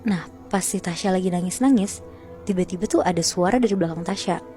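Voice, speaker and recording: Casual storyteller: woman, low-ish mellow voice, slangy and chatty, faint music underneath. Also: fairly quick. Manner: chatty, slangy, keeps addressing her listener. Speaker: horror story narrator.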